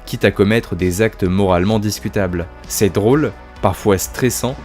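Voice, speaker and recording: A man with a fairly low voice talks through his favourite horror series in a casual video review. He swears freely and mocks himself, piling on enthusiasm. Faint music plays under him. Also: moderate pace, a little mellow. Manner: sweary, self-mocking, enthusiastic.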